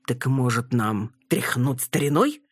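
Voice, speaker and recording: Woman reading an older joking father, slow and amused, low husky voice, dry audiobook sound. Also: no echo, full character voice. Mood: wry.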